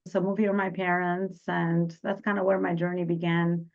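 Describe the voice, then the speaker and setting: A middle-aged woman from Albania, speaking as an interview guest. Her low, gravelly voice moves earnestly through her story, with small restarts along the way. The recording sounds dull and lo-fi. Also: level tone, darkish tone. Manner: earnest, slightly halting with restarts. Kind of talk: reflective personal storytelling.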